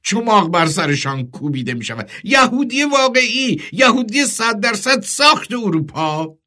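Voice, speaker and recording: Guy reading a book doing a mocking ss commander, higher voice, sneery, bouncy delivery. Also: big pitch swings, bright, forceful tone, exaggerated voice. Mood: sneering. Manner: mocking, taunting questions. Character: sneering, menacing male SS block commander.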